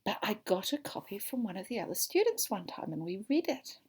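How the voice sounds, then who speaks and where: Very animated and a touch fast, this woman speaks in a mid-range voice with a breathy edge. She teaches ESOL and is reading a picture book aloud, warmly prompting the class with questions about the images.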